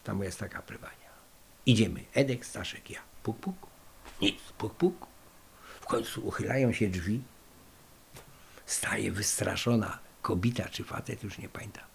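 An older Polish man, interviewed for an oral history, tells lively stories full of fillers. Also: lowish voice, normal speed, gravelly, slight background noise. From Poland. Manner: lively anecdotal storytelling with many fillers. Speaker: interviewee recalling the past.

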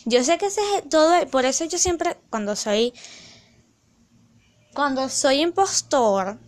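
A young woman chatting in a casual vlog, excitable and rambling, loud at times and slipping into English phrases. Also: sits high, takes it slowly. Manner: loud, near shouting at times. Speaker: vlogger.

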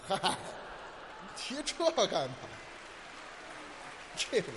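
A man playing straight man in stage crosstalk, answering with quick short retorts and mock exasperation. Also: high-pitched, huge pitch swings, fairly bright tone. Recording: hall reverb, faint noise.

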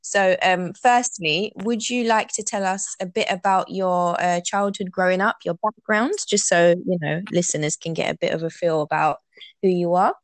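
A woman's voice: on the low side, fairly even intonation, normal speed, dry recording. A woman hosting a podcast over a call line, welcoming her guest with polite, formal phrasing. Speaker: podcast host. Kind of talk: casual interview hosting.

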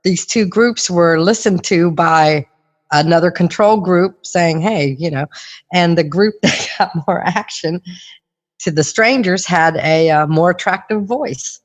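A woman's voice: fairly low pitch, a little slow, long reverb tail. A woman host chatting casually, explaining things in a conversational way. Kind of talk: casual chat explaining studies.

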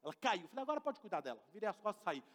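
A man's voice: high voice, sing-song, racing, long reverb tail. A man preaching a sermon as pastor, emphatic and questioning the congregation. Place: church.

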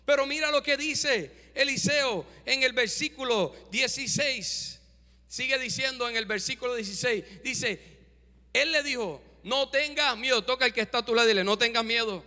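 A man's voice: very high-pitched, moderate pace, sharp tone. A man preaching a sermon emphatically, calling out to the congregation. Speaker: pastor. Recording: reverberant hall.

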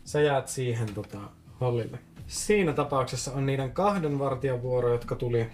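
A man narrating as game master of a tabletop role-playing game, often laughing and filling pauses as he describes the action. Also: mid-range voice.

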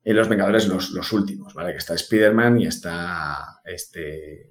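A man's voice: sits low, normal speed. Enthusiastic man in an echoey room. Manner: enthusiastic, storytelling. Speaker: podcast co-host. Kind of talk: casual chat about comics. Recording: echoey room with faint music.

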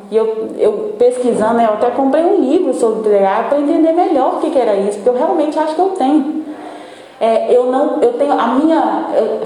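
A Brazilian woman in her forties, speaking as a patient, giving a halting personal account full of restarts. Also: on the high side, warm tone, very echoey, rough recording. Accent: Brazilian Portuguese. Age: 40s. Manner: halting, many restarts and self-corrections.

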